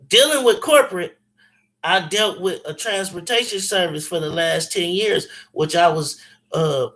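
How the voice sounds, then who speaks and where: A man in his forties with a high voice rambles through a story, emphatic and full of slang and cursing. His tone is bright and cutting, and he keeps restarting his sentences. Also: rough recording. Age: 40s. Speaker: caller on a phone conversation. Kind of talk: casual chat, storytelling.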